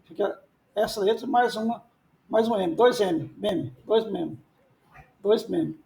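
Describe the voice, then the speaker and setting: A man's voice: sits high, slow pace, vocal fry, dark tone. A man, a pastor teaching biblical Hebrew in a lecture, repeating key points and answering his own questions. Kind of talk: classroom lecture.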